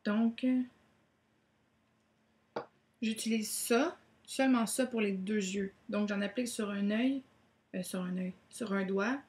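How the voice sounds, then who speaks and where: A woman's voice: mid-range voice, takes it slowly, pauses often, a little mellow, roomy sound. A woman gives a chatty makeup tutorial, with many "donc, euh" fillers. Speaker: beauty vlogger.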